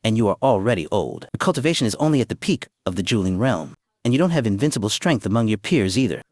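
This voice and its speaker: Speaking in a lowish voice, this narrator briskly and animatedly retells a story, addressing the listener as "you." The recording is close and dry, without any echo.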